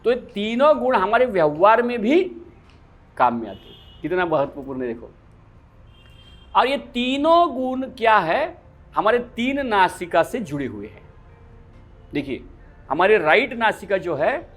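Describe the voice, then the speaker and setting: Speaking to his class in a high, lively voice that rises and falls sharply, a yoga teacher lectures at a slightly slow pace with long pauses. He repeatedly poses questions to the students and then answers them himself, while soft music plays in the background.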